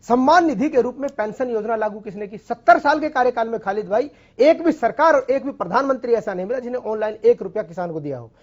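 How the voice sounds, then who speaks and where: A man's voice: very high-pitched, lively intonation, quick pace, hardly any pauses, highs cut off. A man speaking as a party spokesperson in a TV debate, insistent and pressing to keep the floor. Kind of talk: TV news debate.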